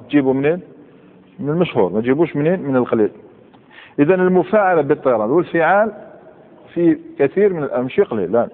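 A man with an Algerian Arabic accent teaching grammar in a classroom lecture, quizzing students and reciting verb patterns slowly. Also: mid-range voice. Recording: tinny, echoey hall recording.

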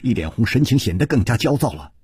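A man's voice: medium pitch, sing-song, quick pace, a little mellow, breathy edge, no room sound, clean studio sound. A male storyteller narrating a martial-arts story with dramatic, widely swinging delivery.

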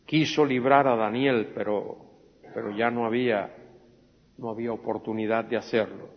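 Teaching a Bible study in sermon style, a man retells scenes and performs the quoted lines in a raised voice, repeating phrases and posing rhetorical questions to listeners. His voice is medium-pitched, steady and moderately paced. The lo-fi recording is dull, with a long echo from a large hall.

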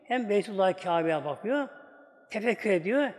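Man, religious teacher, high voice, sermon storytelling, reverberant hall. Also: lively intonation, moderate pace. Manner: emotional storytelling, voice often dropping to a hush.

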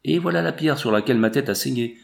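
A man voicing a cunning old gold miner who speaks low and grimly in a read-aloud novel. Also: expressive, gravelly. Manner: low, grim and deliberate.

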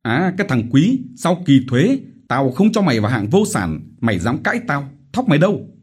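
A man voicing a brutal, bullying village chief who shouts threats and curses. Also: mid-range voice, very animated, moderate pace, slightly rough, voice pushed up. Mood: furious.

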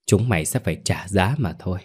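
A man's voice: deep voice, expressive, fast talker, breathy edge. A man voicing a vengeful old woman ghost. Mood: hateful. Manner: hissing curses.

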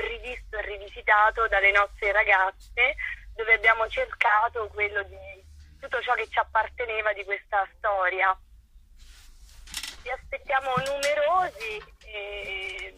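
A woman theatre director phones in to a broadcast and earnestly explains her work in an interview. Her voice is a little high, slightly rough, bright and forceful, with fairly even intonation and an unhurried pace. The telephone line sounds tinny and echoey.

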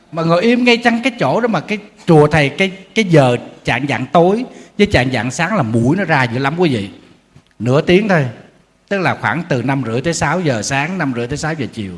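Male monk preaching; lively anecdotal delivery, slightly high-pitched, recorded with long reverb in a temple hall. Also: fast. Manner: storytelling, animated, acting out quotes with humor. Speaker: Buddhist monk giving a dharma talk. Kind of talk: sermon.

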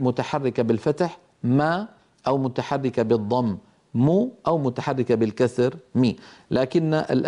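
A man delivers a patient lecture on how speech sounds are made, in a mellow, darker voice at an ordinary pitch. He explains step by step, sometimes pausing and restarting a phrase. He sounds out the example syllables himself as he goes. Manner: slow, explanatory, with hesitant restarts and demonstrated sounds. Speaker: Quran recitation teacher. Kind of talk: lecture on tajweed phonetics.

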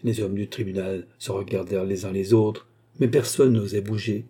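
A man reading a novel aloud in measured audiobook narration. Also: lowish voice, steady tone, mellow, breathy edge. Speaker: reader.

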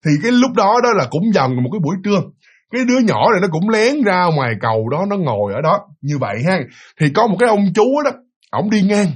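Fast-talking male storyteller. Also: sits high, husky. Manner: animated, repeats words, addresses listeners directly. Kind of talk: casual spoken ghost-story telling.

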